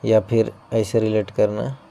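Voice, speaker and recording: A male teacher runs an exam-prep lesson, building playful memory tricks for his students. His voice is low and very dark, and it stays fairly flat in tone. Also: measured pace, vocal fry, slight background noise. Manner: explains through playful memory tricks, often checks in with "theek hai". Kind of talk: coaching-class lesson.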